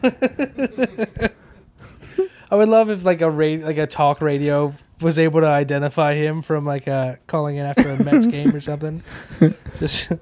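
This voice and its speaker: A man's voice: fairly high pitch, expressive, normal speed, pauses often, darkish tone. A man co-hosting a podcast, cracking jokes and laughing often. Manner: laughing, wisecracking. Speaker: podcast co-host. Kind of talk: casual chat.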